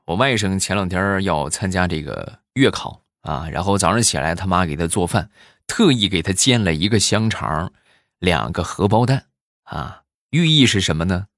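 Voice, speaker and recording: Guy cracking jokes, really lively up and down, lowish voice. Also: no echo, clean studio sound. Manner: animated, acts out quoted characters in raised voices. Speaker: comedian telling jokes. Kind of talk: stand-up style joke telling.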